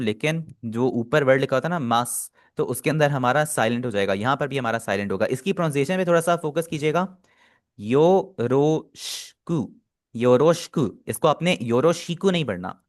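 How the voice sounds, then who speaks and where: Man, Japanese teacher, live online class, patient, slightly high voice, drills pronunciation slowly. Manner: answers students' questions directly.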